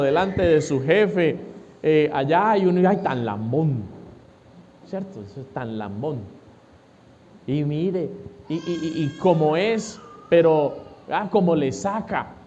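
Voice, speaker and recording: High-voiced pastor preaching. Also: male voice, darkish tone, muffled recording, a little hiss or hum. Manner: preaching, asks the congregation questions and answers them. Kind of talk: sermon.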